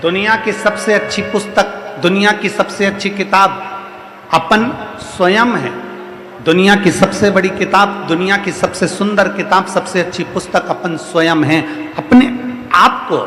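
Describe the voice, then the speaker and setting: A man's voice: sits high, fairly even intonation, measured pace, bright, forceful tone. A man with a central Indian Hindi accent delivering a devotional sermon, building each point through rhythmic repeated refrains. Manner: repetitive, rhythmic preaching with rising refrains. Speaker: kathavachak preacher. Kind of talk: devotional sermon to a large crowd. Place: large outdoor or hall religious gathering. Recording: echoey hall, long reverb, faint music.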